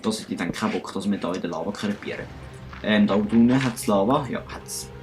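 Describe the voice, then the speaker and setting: A man's voice: lowish voice, a little fast, faint music behind. A man with a Swiss German accent giving casual, chatty commentary over his gameplay, joking at his own mistakes. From Switzerland. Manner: chatty, self-mocking, talks to himself and viewers. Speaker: let's play host.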